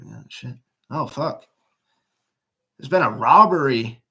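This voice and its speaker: A man's voice: medium pitch, animated, slow pace, bright, forceful tone. A young man doing a casual, rambling stand-up monologue at home, loose and swearing, often trailing off mid-sentence. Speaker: amateur comedian.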